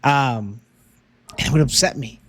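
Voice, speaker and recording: A man's voice: mid-range voice, unhurried, fairly bright tone, slight background noise. A young man co-hosting a faith podcast, telling his testimony in an earnest, casual way with frequent "um" and "like". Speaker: podcast co-host.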